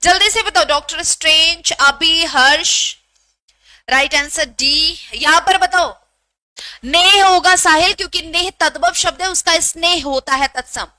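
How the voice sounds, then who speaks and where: A young woman teaching a live online Hindi exam-prep class, brisk and teasingly scolding, repeating each question to her students. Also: very high voice, bright, forceful tone, no echo.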